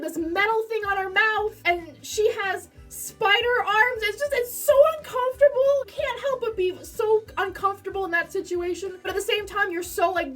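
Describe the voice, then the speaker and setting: A woman's voice: very high-pitched, a bit bright. A woman reviewing a film in a casual vlog, emotional and gushing, full of "like" fillers, her voice a little distant from the mic. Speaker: movie reviewer.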